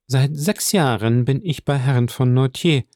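A man voicing an earnest young woman who calmly speaks for her grandfather in a read-aloud story. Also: mid-range voice, unhurried, no room sound, studio quality, natural voice.

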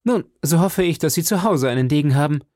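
A man's voice: on the high side, expressive, fairly quick, a little mellow, no room sound, clean studio sound, voice pushed up, lightly acted. A man voicing a young, hot-headed male swordsman who speaks in a raised, courtly but challenging manner, from a storybook reading. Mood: defiant gallant.

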